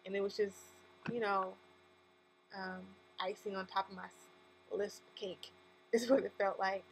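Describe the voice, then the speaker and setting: Unhurried and mid-range, a lisping woman tells her personal testimony to camera as part of a faith-centered vlog, casual yet emphatic and revising her words as she speaks. The rough recording has a steady electrical hum and background noise.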